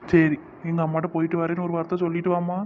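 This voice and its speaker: An earnest, apologetic young village son in a cartoon, voiced by a woman. He speaks southern Tamil village dialect at a middle pitch. A dull, slightly hissy sound sits on the voice. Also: completely flat delivery, fast talker, close to an everyday voice.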